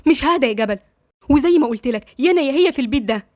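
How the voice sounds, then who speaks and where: A woman's voice: high voice, racing, a little mellow, no echo, studio quality. A woman with an Egyptian accent voicing a sulking, possessive middle-aged mother who scolds insistently. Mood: scolding.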